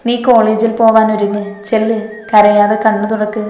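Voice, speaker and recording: A woman's voice: mid-range voice, monotone, normal speed, warm tone, roomy sound, big-room sound, natural voice. A woman narrator voicing a protective, commanding young man who speaks firmly.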